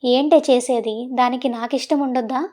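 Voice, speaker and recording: A man's voice: extremely high pitch, steady tone, normal speed, darkish tone. A woman voicing an exasperated young man who keeps fending off his cousin in a romantic audio story, scolding and flustered. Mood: irritated. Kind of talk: storybook voice acting.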